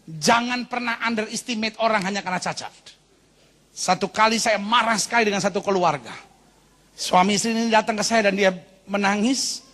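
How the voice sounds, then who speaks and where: A man preaching as a pastor, lively and animated, tossing in English phrases and calling the congregation to applaud and say amen. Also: sits high, moderate pace. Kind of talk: sermon. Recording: long reverb of a large hall.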